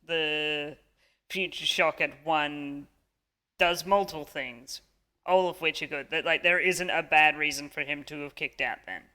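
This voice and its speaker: On a podcast, a male co-host chats eagerly and casually about wrestling, stumbling over the beginnings of words. His fairly high voice is steady, unhurried, pushed and bright, clear and resonant.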